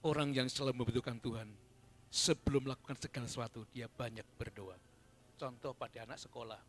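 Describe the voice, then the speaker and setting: A man preaching a sermon at a church service, dropping to soft murmurs and rising to loud fervent shouts. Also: medium pitch, fairly even intonation, a little fast, slight background noise. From Indonesia. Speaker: pastor.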